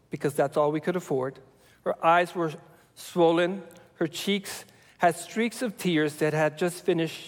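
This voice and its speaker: A man in his forties from El Salvador, sharing a personal testimony with his church family in a reflective, measured way with frequent fillers. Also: a little high, in a large hall.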